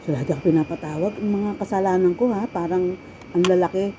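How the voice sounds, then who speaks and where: A middle-aged woman from the Philippines telling stories from her life in a casual, animated way, often laughing and acting out quoted lines. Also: fairly low pitch, fast talker. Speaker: storyteller sharing her life. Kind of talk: casual personal storytelling. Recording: dull, lo-fi with faint background noise.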